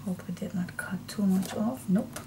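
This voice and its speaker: A middle-aged Dutch woman with a Dutch accent, from the Netherlands, hosts a casual, chatty craft tutorial at an indoor craft table, often murmuring to herself as she works. Her voice is mid-range and her pace moderate. The room recording is clearly noisy.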